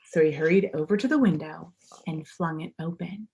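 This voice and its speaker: A woman reads a children's storybook aloud with dramatic, expressive narration, addressing young listeners directly like a pastor at story time. Her low voice is creaky and mellow at a normal speed, captured in a low-quality recording.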